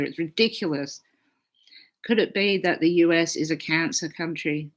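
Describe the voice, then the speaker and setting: A woman astrologer hosting a casual live stream, chatting freely, swearing often and reading out viewer comments. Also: sits low.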